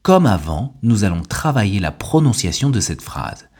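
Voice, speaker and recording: A man hosting a podcast as a language teacher, giving a scripted lesson with clear, deliberate delivery. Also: lowish voice, very animated, darkish tone. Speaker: French teacher and podcast host.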